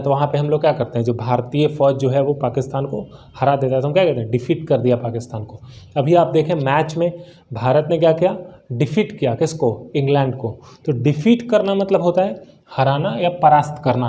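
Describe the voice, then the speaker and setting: A man from India teaching English vocabulary in Hindi, his voice fairly high and mellow. He explains patiently, keeps asking his listeners rhetorical questions, and drops English phrases into his Hindi. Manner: explains words slowly with many rhetorical questions; mixes English words into Hindi. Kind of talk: spoken English lesson in Hindi.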